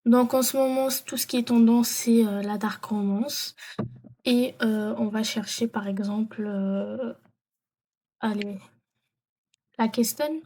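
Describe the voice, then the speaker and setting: A woman's voice: a little high, steady tone, takes it slowly, long pauses, dark tone. A woman walking viewers through an app in a casual tutorial, hesitant with many fillers and self-corrections. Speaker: vlogger.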